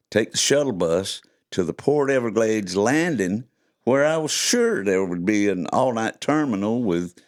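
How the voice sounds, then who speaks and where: An older man, hosting a podcast and reading his own stories in a folksy, chuckling way. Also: fairly low pitch. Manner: folksy, chuckling, playful delivery. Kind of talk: casual chat and storytelling read-aloud.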